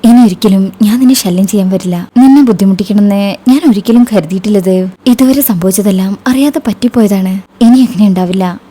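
A woman voicing a sad, guarded young woman, an older sister who speaks quietly and with restraint. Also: medium pitch, brisk, lightly acted. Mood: sad tender.

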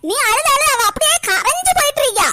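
Squeaky high old mother-in-law nagging away, woman voicing her, bright sharp cartoon voice, sarcastic. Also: very animated, quick pace, heavily acted. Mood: scolding. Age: older. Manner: scolding, sarcastic, breaks into crying. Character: quarrelsome old mother-in-law, bitter and self-pitying. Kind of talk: cartoon comedy voice acting.

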